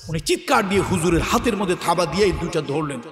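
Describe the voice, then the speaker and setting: Bangladeshi preacher man, high voice, emphatic, loud lists, big echoey hall. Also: lively intonation, fast talker. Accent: Bangladeshi regional. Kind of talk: sermon.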